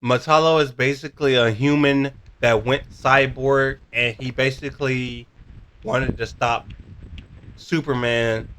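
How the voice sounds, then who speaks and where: Guy rambling through an episode recap, middle pitch, keeps saying basically. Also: fairly bright tone, slight background noise. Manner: rambling, full of "basically", searches for words. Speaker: co-host of a show review. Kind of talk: casual recap chat.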